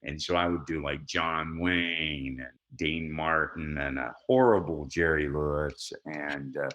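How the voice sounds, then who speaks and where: A deep-voiced, middle-aged man, a guest actor, tells stories in a relaxed interview at a measured pace. It's conversational storytelling, and he often laughs and restarts his sentences.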